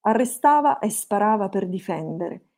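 Mellow woman reciting comic rhymes. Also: medium pitch, animated, moderate pace. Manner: sing-song comic storytelling in rhyme. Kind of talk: satirical rhyming verse recitation.

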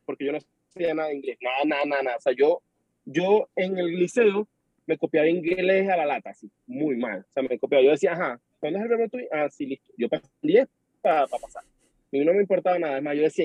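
A young Venezuelan man with a Venezuelan accent, chatting as a podcast guest and telling an animated story while acting out the dialogue. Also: on the high side, fast, no room sound. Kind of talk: casual chat. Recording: dull lo-fi sound.

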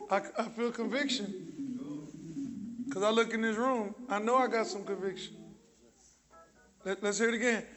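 A preacher man with a very high voice leads a lively call-and-response sermon. He exhorts the congregation, jokes with them, and shouts for their answers. Faint music sits underneath his words. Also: normal speed, pauses often. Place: church sanctuary.

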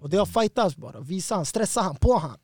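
Animated man telling a fight story. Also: sits high, no echo, studio quality. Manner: slangy, animated, swearing. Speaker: guest fighter. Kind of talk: casual storytelling.

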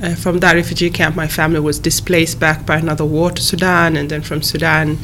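A woman in her thirties who grew up in East Africa, a guest answering interview questions in a measured, careful way with frequent pauses and restarts. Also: low-pitched, flat delivery, a bit bright, slight background noise. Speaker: guest, human rights advocate.

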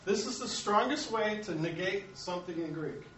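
American guy teaching sunday school, kinda high voice, echoey room picked up from far off. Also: lively intonation, normal speed, fairly bright tone, slight background noise. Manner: explanatory, self-correcting, chuckles at himself. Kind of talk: Bible lesson to a class. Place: church classroom. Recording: echoey room, mic at a distance.

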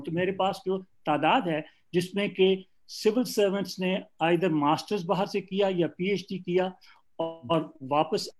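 Older male speaker, Pakistani accent. High register, brisk delivery, unscripted panel points broken by hesitations. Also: a little mellow. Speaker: civil service academic and guest speaker. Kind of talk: extempore panel talk on video call, mixing English and Urdu.

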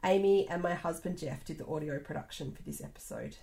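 A woman's voice: sits low, huge pitch swings, brisk, darkish tone. A woman reading a scripted podcast outro as the host.

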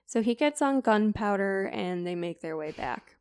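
A woman's voice: medium pitch, lively intonation, normal speed, darkish tone, smooth. A woman podcast co-host casually retelling a classic story in a chatty, filler-heavy way.

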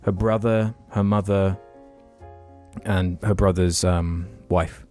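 Low-voiced young man swearing casually. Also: steady tone, slow, a little mellow, faint music behind. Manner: rambling storytelling, heavy swearing. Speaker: podcast co-host. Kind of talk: casual chat.

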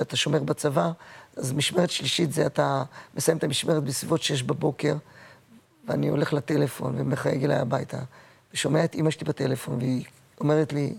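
A man in his sixties, a guest actor and comedian, telling personal stories in a halting, emotional way with many repeats. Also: fairly high pitch, gravelly, husky. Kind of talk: personal interview storytelling.

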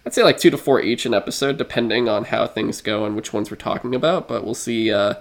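A man's voice: medium pitch, fast, gravelly. A young man co-hosting a podcast, rambling through a casual outro with many fillers and restarts. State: dry throat. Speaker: podcast co-host.

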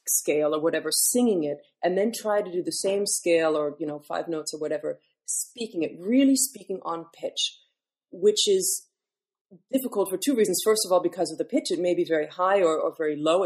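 In an off-the-cuff podcast interview, a woman talks about her work as a classical singer, giving thoughtful explanations while often stalling on fillers and restarting sentences. Her speaking voice is somewhat low with a darkish tone.

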